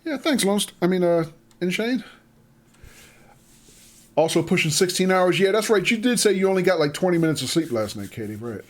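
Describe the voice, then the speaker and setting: A male streamer chats loosely with his audience during live gameplay, reading out what they write and greeting them by name. He speaks fairly quickly in a high-pitched voice with lively intonation, broken up by long pauses.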